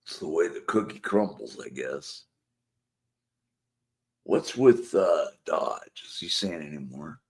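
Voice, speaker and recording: Hosting a laid-back live chat show, this man speaks in an extremely low, gravelly voice, slowly and expressively, with long pauses. His voice is going, and he rambles along in a chatty way, reading out comments from viewers.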